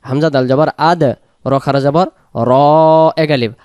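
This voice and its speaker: A man teaching Quran recitation, spelling each word letter by letter and then chanting the verse slowly. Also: mid-range voice, smooth, dry recording, clean studio sound.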